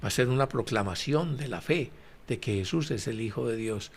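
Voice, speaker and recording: Man slowly unpacking a gospel passage. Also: medium pitch, animated, slight background noise. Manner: explains slowly, with frequent fillers and repetitions; addresses listeners directly. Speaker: Bible study presenter. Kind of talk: conversational gospel commentary.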